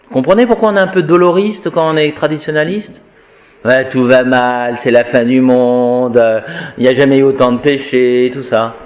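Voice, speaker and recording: A man's voice: medium pitch, muffled recording. A man giving an informal Latin grammar lesson. He talks in a chatty, wry way and drills declensions aloud. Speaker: Latin teacher.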